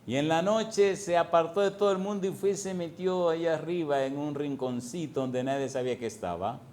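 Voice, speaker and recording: A male pastor preaching a sermon, swinging from hushed tones to loud bursts and firing rhetorical questions at the congregation. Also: a little high, brisk.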